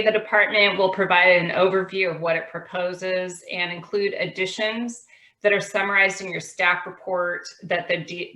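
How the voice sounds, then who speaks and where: A woman on a conference call, giving a measured, formal briefing to a public commission as a staff member. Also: fairly low pitch, pushed and bright, roomy sound, low-quality recording. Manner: measured, formal, reads from prepared notes. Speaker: commission staff member presenting an agenda item.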